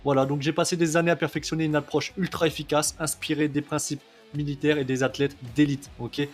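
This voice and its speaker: A man's voice: fairly high pitch, flat delivery, brisk, soft background music. A man coaching on kettlebell training in a casual video lesson, chatty, with many fillers, often checking in with "ok?".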